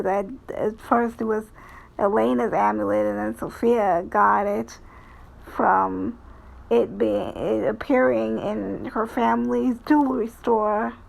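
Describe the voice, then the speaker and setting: A woman giving casual, rambling commentary as a streamer, in a halting, hesitant way with phrases that trail off. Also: fairly high pitch, creaky, poor audio. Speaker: VTuber streamer.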